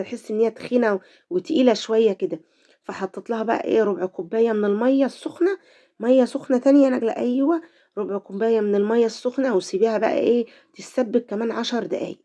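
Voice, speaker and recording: A middle-aged Egyptian woman talks quickly through a home cooking tutorial, speaking straight to her viewers. Her tone is dark and mellow, and her voice is a little dulled by a cold. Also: a little high. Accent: Egyptian Arabic. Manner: chatty, talks to viewers directly. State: voice affected by a cold. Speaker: cooking channel host.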